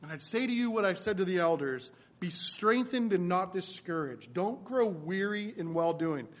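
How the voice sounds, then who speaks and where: A man with a high, light voice preaches to his church. He surges into loud, emphatic declarations and then falls back to quiet, low pleading. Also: animated, moderate pace. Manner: builds to loud emphatic peaks, then drops soft and low. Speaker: pastor. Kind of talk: sermon.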